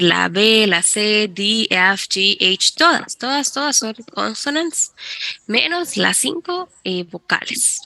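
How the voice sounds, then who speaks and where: A woman's voice: medium pitch, bright, forceful tone, no room sound. A woman teaching an English class in Spanish, patiently explaining grammar rules step by step and switching between Spanish and English.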